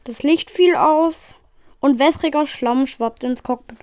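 A woman reading an adventure novel aloud in a steady storytelling manner. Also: high-pitched, unhurried, no echo, studio quality. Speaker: reader.

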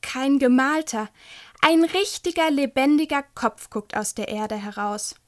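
A woman reading a children's book aloud and talking gently to young listeners. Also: high voice, animated, unhurried. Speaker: storyteller.

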